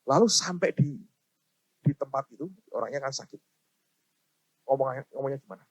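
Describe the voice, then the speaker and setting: A middle-aged man preaching a sermon, telling stories to the congregation with dramatic swings from hushed to loud. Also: mid-range voice, moderate pace, husky, dry recording, highs cut off. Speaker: pastor.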